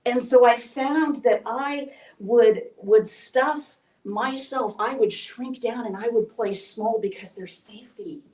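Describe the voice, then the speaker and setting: Recorded at a distance in an echoey event hall, a woman recounts a candid, emotional story about herself to a live speaker-event audience. Her voice is a little high and a little mellow, and she speaks at a slow pace.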